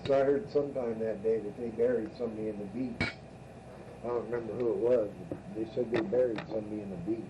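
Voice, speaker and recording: An older man telling rambling, profane stories from his past in a rough, casual way. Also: fairly low pitch, fairly even intonation, fast. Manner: rough, profane, drawling delivery. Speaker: storytelling father. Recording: muffled distant tape recording, faint hiss.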